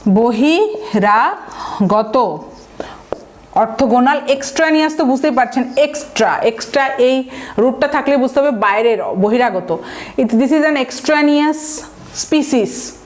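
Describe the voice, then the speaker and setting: A woman teaching vocabulary in a recorded online lesson, explaining words step by step and often checking understanding with tag questions. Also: high voice. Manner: explains words step by step, mixing in English terms.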